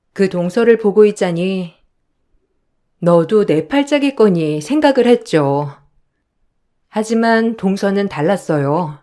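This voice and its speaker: A woman narrating a first-person family story in a plain, even way. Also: medium pitch.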